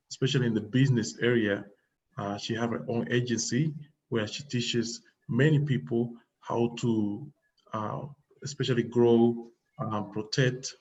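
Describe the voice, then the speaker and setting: Cuban-born man, earnest and halting, on a muffled line. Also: medium pitch, darkish tone. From Cuba. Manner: earnest, halting, many fillers. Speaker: guest musician. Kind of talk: interview answers. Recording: muffled lo-fi call audio.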